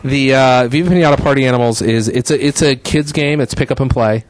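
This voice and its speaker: A man's voice: medium pitch, brisk, no room sound, poor audio. A man hosting a gaming show, chatting casually and putting questions to his guests. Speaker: host, interviewer.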